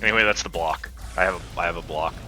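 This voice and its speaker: Over game music, a gamer keeps up profane, jokey, slangy let's-play commentary as he plays. He speaks quickly in a low, sharp-toned voice. A little hiss or hum can be heard on the recording.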